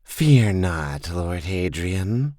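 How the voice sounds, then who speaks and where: A man voicing a scheming female dark priestess who speaks slowly and with cool assurance in an audiobook. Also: deep voice, big pitch swings, dry recording, studio quality, full character voice. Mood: assured, cold. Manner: slow, measured, assured.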